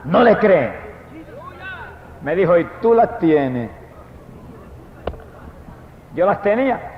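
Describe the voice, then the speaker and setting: A man's voice: fairly high pitch, a little hiss or hum. Fervent preacher man in an echoey hall. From Puerto Rico. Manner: fervent, swings from hushed to loud proclaiming. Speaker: evangelist preacher. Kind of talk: sermon testimony. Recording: echoey hall, dull lo-fi archive recording.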